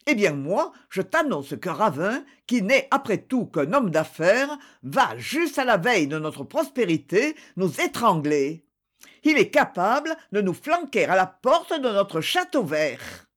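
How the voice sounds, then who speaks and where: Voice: medium pitch, sing-song, unhurried. A reader voicing a grumbling, bitter middle-aged innkeeper's wife in an audiobook. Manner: scolding, sharp outbursts.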